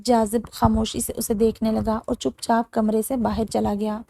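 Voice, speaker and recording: Woman narrator, dramatic audiobook reading, gravelly, mellow tone, dry close recording. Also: fairly high pitch, level tone, dry recording. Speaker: novel narrator.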